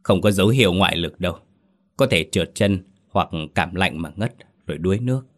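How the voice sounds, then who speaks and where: A middle-aged officer answers briskly and curtly, as a man puts him on. The voice is deep and matter-of-fact. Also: animated. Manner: curt, brisk.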